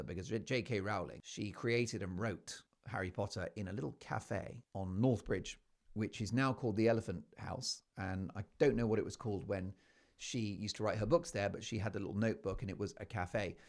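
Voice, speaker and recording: A man's voice: fairly low pitch, creaky. A man hosting a talk show, delivering emphatic, opinionated commentary with playful mocking asides. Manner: emphatic, animated, keeps asking "right?". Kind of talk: opinionated news commentary monologue.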